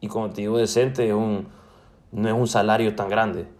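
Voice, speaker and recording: A man's voice: on the low side, steady tone, normal speed, darkish tone. A man in his twenties from El Salvador with a Salvadoran Spanish accent, answering interview questions casually and hesitantly, with many fillers and restarts. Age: 20s. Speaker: student guest.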